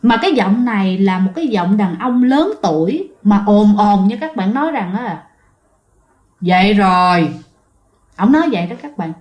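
A woman's voice: medium pitch, expressive, fairly quick, hardly any pauses, echoey room, highs cut off. A woman with a Southern Vietnamese accent telling a ghost story in a chatty, casual way, often talking straight to her listeners.

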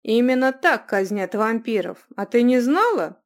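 A woman's voice: fairly high pitch, very animated, unhurried. Woman reader as a defiant young man, mocking and blunt, storybook reading.

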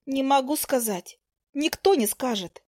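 A woman's voice: high-pitched, unhurried, a little mellow, no echo, studio quality, pitched above the performer's own voice. A woman voicing a shy young werewolf girl who talks timidly and stammers, in a storybook reading. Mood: shy, nervous.

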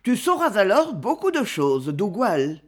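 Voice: mid-range voice, big pitch swings, unhurried, husky. A narrator voicing a grave, secretive aristocratic mother who warns her son in a solemn, insistent tone. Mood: gently insistent.

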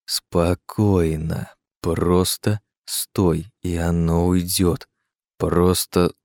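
Guy voicing a tense leader in the dark, quiet and terse, keeping his voice steady. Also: fairly low pitch, a little fast, dry recording, studio quality, natural voice. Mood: tense hushed. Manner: hushed, terse, forcing calm. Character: tense grim man leading others in the dark.

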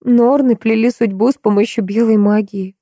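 A woman's voice: on the high side, fairly even intonation, moderate pace, dark tone, no echo, clean studio sound, voice pushed up, close to an everyday voice. Maya, read by a woman, a tearful young woman. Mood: accusing. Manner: pleading, raised and tearful. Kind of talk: audiobook reading.

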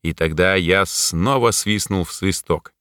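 Low-voiced male audiobook narrator. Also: a little slow, a bit bright, clear, resonant tone, dry recording, studio quality. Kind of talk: scripted narration.

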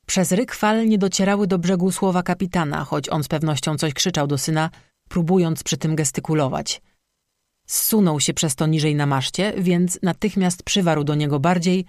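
An audiobook narrator reading a legend in a steady, measured scripted narration. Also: mid-range voice, dry recording, studio quality.

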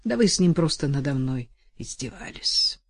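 A woman's voice: deep voice, very animated, normal speed, no room sound, voice pushed down, exaggerated voice. A woman reading an audiobook voices a young bride who mutters bitter, defiant thoughts and vows.

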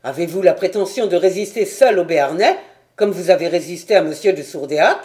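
A woman's voice: fairly low pitch, lively intonation, brisk, darkish tone, close to an everyday voice. A woman voicing a proud, defiant male rebel captain in a storybook reading, bold and haughty.

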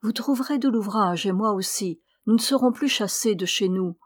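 A gentle young woman from a storybook, voiced by a woman narrator, soft and soothing and close to a whisper. The tone is tender, with nothing theatrical in it. The recording is dry and intimate. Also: mid-range voice, moderate pace, no echo, lightly acted.

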